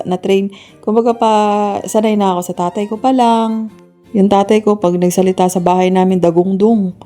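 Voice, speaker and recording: A woman who works as a domestic helper tells a story in a casual vlog, with a naturally loud voice. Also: medium pitch.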